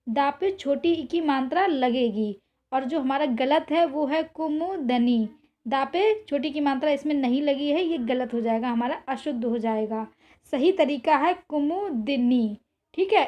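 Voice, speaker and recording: A woman with a high voice runs an exam-prep spelling lesson. She draws each word out slowly and says it more than once. She keeps telling her students to remember it. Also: mellow. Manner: repetitive, drawn-out spelling of words; reminds students again and again. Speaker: teacher.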